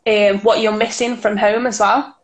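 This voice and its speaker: A woman's voice: medium pitch, flat delivery, normal speed. A young woman from Stoke-on-Trent with a local Stoke accent, talking informally as an interview guest about her own experiences. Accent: Stoke-on-Trent English. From Stoke-on-Trent, England. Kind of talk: personal conversation, recounting experiences.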